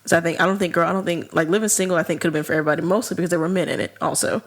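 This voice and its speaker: A woman co-hosting a podcast, chatting in a casual, animated way and saying "like" a lot. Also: on the low side, racing. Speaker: podcast co-host. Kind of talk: casual chat.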